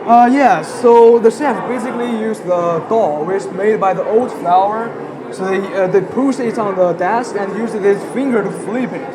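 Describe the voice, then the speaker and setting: High-voiced man from China, hesitant. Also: normal speed, crowd noise. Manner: hesitant, simple phrasing. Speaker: guest. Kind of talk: live comedy sketch on stage. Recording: noisy live stage.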